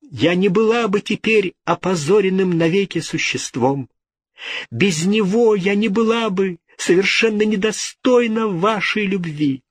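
A man's voice: on the high side, dry recording, voice pushed up. A man voicing a desperate, tearful young woman who pleads and exclaims in a storybook reading.

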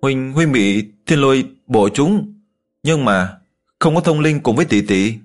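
A man voicing a shy, lovesick young woman who speaks softly and stammers. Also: medium pitch, animated, a little fast, soft background music, lightly acted. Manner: soft, hesitant, stammering.

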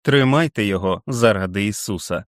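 A man voicing a cold, cruel male reverend who runs a boys' home, shouting commands in a shrill voice. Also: animated, fairly quick, dry recording, natural voice. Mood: shrieking orders.

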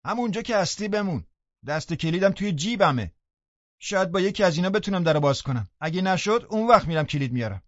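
A man's voice: high-pitched, expressive, fairly bright tone, no echo, voice pushed up. A man voicing a protective middle-aged woman housekeeper in an audiobook, with a firm, scolding manner. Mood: calm. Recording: dull studio audiobook recording.

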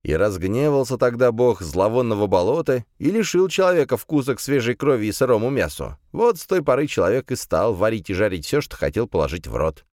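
A man reading a novel aloud as narrator in a measured storytelling manner. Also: medium pitch, sing-song, a little mellow, no echo, studio quality. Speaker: audiobook narrator. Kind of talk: scripted narration.

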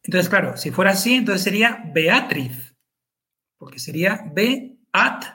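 A man's voice: high-pitched, animated, measured pace, bright, forceful tone. A man, co-hosting a podcast chat and explaining pronunciation carefully, syllable by syllable. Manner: careful and methodical, spells out syllables.

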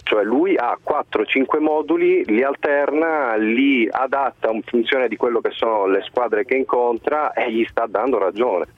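A man's voice: mid-range voice, unhurried, few pauses, dry recording. A man calling in over the phone to a football radio show, making his point earnestly, step by step. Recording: dry, tinny phone line.

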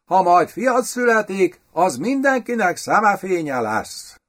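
A man voicing a foppish, affected foreign nobleman in an audiobook, with a hoarse voice and mannered, foreign-sounding pronunciation. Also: high voice, very animated, fairly bright tone, voice pushed up. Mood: smug. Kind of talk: audiobook character voice.

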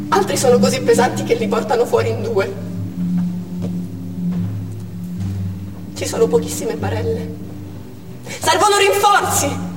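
Here the same actress delivers the grave monologue as an anguished, urgent Armenian doctor recounting a theatre siege, her voice sitting high. She speaks intensely and deliberately in short bursts. Captured on an indoor stage, the sound is echoey and distant with a little noise.

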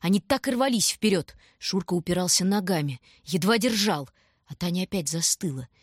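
A woman reading a story aloud in scripted, measured and dramatic narration. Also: fairly low pitch, animated, slightly rough, no room sound, clean studio sound. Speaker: audiobook reader.

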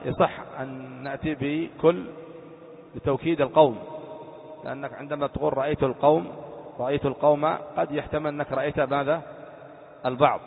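A man, a sheikh, giving a classroom grammar lesson and quizzing his students with quick questions. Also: medium pitch, creaky. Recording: tinny lo-fi sound in echoey hall.

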